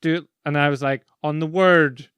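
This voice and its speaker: A fairly high-pitched Irish man, a podcast host and speaking coach, chats casually at a moderate pace. He tells stories with lots of animation and laughs as he talks, and background noise is audible.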